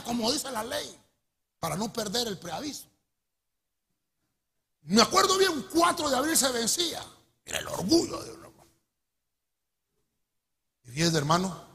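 A middle-aged man with a Honduran accent preaching a testimony sermon, telling his story in an animated way and calling his listeners brother. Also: high voice, breathy edge. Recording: echoey hall with long reverb.

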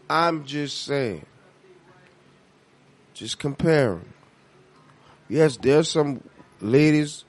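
An American man in a casual, heated music debate, animated and argumentative, with slangy, profane talk. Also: mid-range voice.

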